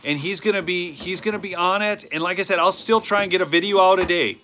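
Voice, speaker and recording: With a high, steady, fast and forceful voice that is bright in tone, a Minnesotan man in his thirties hosts a casual live stream from a small wooden shed or garage. He rambles with lots of ums and talks directly to viewers through a phone camera held close, with a little hiss or hum on the audio.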